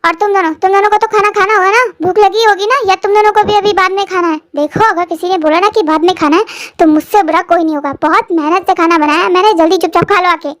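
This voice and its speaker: A very high-voiced reader playing a bossy young woman who scolds the household. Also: steady tone, fast, fairly bright tone, no room sound, clean studio sound. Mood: scolding.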